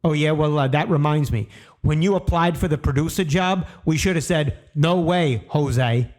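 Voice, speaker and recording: A man's voice: on the high side, a little fast, darkish tone. A man co-hosting a comedic sports podcast, heckling and scolding his guest and producer in mock indignation. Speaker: podcast co-host.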